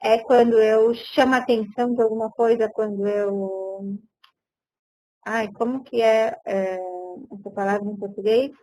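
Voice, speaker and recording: A woman's voice: fairly high pitch, little pitch movement, moderate pace, hardly any pauses, a little mellow, dry recording, low-quality recording. A woman teaching Hebrew grammar in an online seminar, explaining patiently and sometimes searching for words, on a computer mic.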